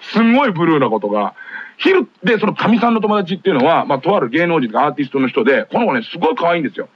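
A man hosts a late-night radio show, spinning rambling comic stories in a quick, husky, fairly high voice. His pitch jumps around constantly as he talks. The sound is dull and lo-fi, as if taped off the air. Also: very animated. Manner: rambling comic storytelling with frequent laughs. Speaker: radio host. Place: radio studio.

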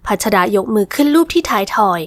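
A woman narrating a romance novel in smooth, scripted storytelling. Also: fairly high pitch, lively intonation, quick pace, dry recording, studio quality. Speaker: audiobook narrator.

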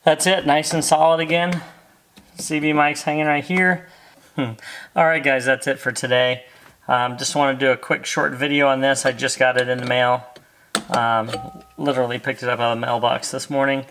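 Working inside a parked car, a middle-aged American man walks through a casual, hands-on accessory install as the video's host, relaxed and talking as he goes. He speaks at a normal speed in a mid-range, level voice that's slightly bright. The recording picks up faint clicks and background noise.

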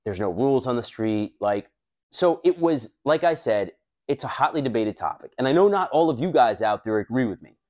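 Talking brisk and animated to camera, this self-defense channel host in his thirties is blunt and casual, with plenty of fillers and curse words. He has a darkish tone, and his lapel mic in a high-rise room cuts off the highs.

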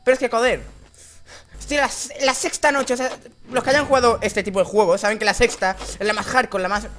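A man with a Spanish accent from Spain, a high and reedy voice, commentating a horror game while swearing constantly and breaking into frightened screams. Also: flat delivery, brisk, a bit bright, slight background noise. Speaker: gameplay commentator.

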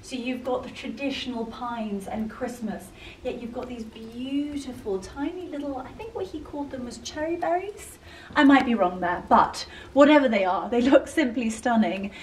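A young female lifestyle vlogger with a fairly high voice presents a house tour at a moderate pace, sounding effusive and enthusiastic. She moves through large rooms, and the recording is noisy and roomy, picked up by a distant camera mic.

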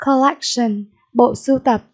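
A woman's voice: on the high side, steady tone, unhurried, darkish tone. A Vietnamese-accented woman teacher in a recorded English vocabulary lesson, repeating each word and giving its meaning and stress.

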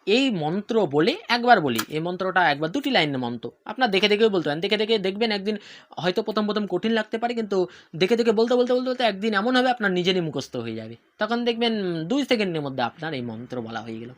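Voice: medium pitch, lively intonation, fast talker. A devotional teacher explaining a worship ritual step by step, posing rhetorical questions and answering them, often repeating key points. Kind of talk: instructional talk on worship ritual.

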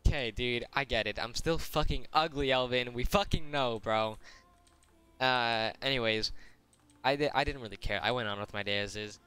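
A man's voice: medium pitch, moderate pace, pushed and bright, clear, resonant tone. A teenage man telling a storytime vlog, crude and slangy, swearing constantly and boasting. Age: teens. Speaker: gaming YouTuber.

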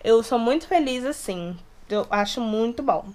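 A chatty, high-voiced young Brazilian YouTuber speaks at a moderate pace, playfully chatting to a camera close in front in her small bedroom. In her twenties and from Resende, Rio de Janeiro state, she gestures animatedly, her accent mixing Rio, São Paulo and Minas.

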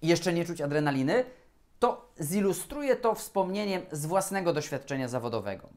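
A man, a lawyer, giving a scripted educational talk on procurement law in a formal, measured and deliberate way. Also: fairly high pitch, animated, darkish tone, faint music behind.

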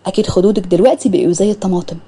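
A confident young male surgeon speaks smoothly and reassuringly in an Egyptian accent, as a woman voices him. His voice is dark and husky. He talks very fast in this storybook reading. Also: mid-range voice, natural voice. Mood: affectionate. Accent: Egyptian Arabic.

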